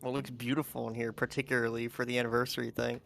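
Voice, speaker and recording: Easygoing gravelly man, casual swearing. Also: mid-range voice, level tone, very fast, a bit bright. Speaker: stream co-player. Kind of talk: casual chat while gaming on stream.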